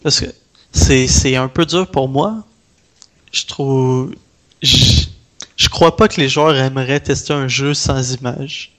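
Man with a Québécois French accent, mid pitch. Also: fairly even intonation, takes it slowly, a bit bright. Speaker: interviewee, independent game developer. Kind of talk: casual conversation.

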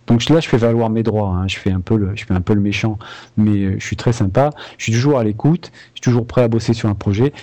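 A man's voice: lowish voice, dark tone. A man, a video game composer, talking frankly and casually in an interview, with many restarts.

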